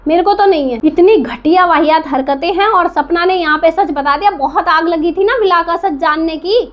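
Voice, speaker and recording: At a moderate pace and in a very high voice, a female reaction vlogger gives a defiant, scolding commentary to camera, firing rhetorical questions and repeating herself for emphasis. The recording's highs are cut off.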